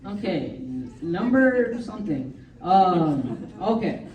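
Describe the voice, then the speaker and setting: A teenage girl from the United States does a rambling, giggly amateur stand-up set full of "likes" and "ums." Her voice sits fairly low and sounds very animated, though her pace is slow. She's performing in a large, echoey hall, far from the mic, with a noisy crowd behind her.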